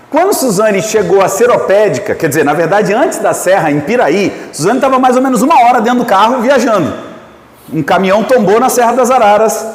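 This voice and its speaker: Brazilian man, pastor preaching to couples, high lively voice, asks the crowd questions, long hall reverb. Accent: Brazilian Portuguese. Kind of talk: sermon to couples.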